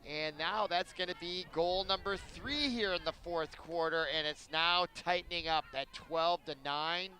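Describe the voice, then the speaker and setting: Live sideline sports caller, male, high and bright-edged voice, chatty and explanatory between plays. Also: steady tone, measured pace, few pauses, rough recording. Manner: conversational, explanatory asides between calls. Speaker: play-by-play sports commentator. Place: outdoors beside a sports field.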